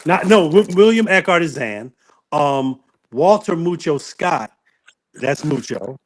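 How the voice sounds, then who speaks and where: A man's voice: a little high, expressive, slow pace. A man on a podcast, telling music-industry stories in a loose, rambling way and correcting himself as he goes. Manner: rambling anecdotes with self-corrections. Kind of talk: casual storytelling chat.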